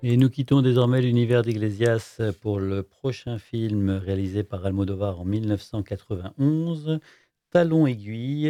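A man's voice: fairly low pitch, dark tone, no room sound. A man hosting a radio show about film music, talking in a chatty way with many fillers and self-corrections. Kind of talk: casual radio presentation.

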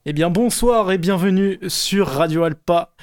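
A man's voice: high-pitched, a little slow, dry recording, faint music behind. A young man presenting a film column on student radio from a studio, enthusiastic and candid, with occasional stumbles. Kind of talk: radio column, partly scripted. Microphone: studio microphone.

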